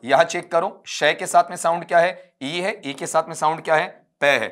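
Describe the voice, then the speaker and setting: A male English teacher records an online exam-prep phonetics lecture at his desk for an uploaded class video. His voice is on the high side and fairly bright, at normal speed, as he patiently drills each sound one at a time and calls his students "beta".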